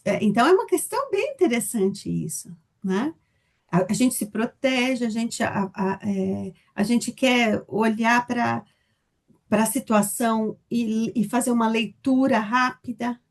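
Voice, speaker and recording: A woman speaking casually in a church group discussion, lively and laughing through her examples. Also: fairly high pitch, a little slow. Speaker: Bible study participant.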